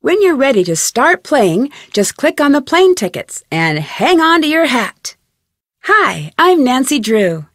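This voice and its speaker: In scripted video game dialogue and tutorial narration, a woman plays a young amateur detective who is curious and friendly. Her high voice is very animated yet unhurried, with a friendly, instructive mood, recorded cleanly in a studio with no room sound.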